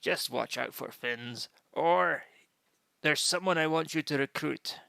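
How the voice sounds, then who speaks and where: Male game master, mid pitch with gravelly fry, improvised halting narration, dry close sound. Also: pushed and bright, no room sound.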